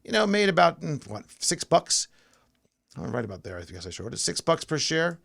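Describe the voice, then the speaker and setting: A man's voice: on the high side, big pitch swings, moderate pace, gravelly, fairly bright tone. A man hosting a pre-market stock show, casually talking through charts and thinking aloud with fillers and restarts.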